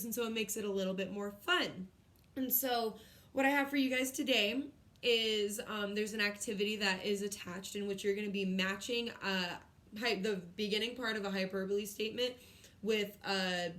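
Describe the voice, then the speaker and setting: A woman's voice: mid-range voice, fairly bright tone. A young woman teacher giving a recorded lesson to a fourth-grade class, chatty and telling a story along the way. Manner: chatty, storytelling with acted-out quotes.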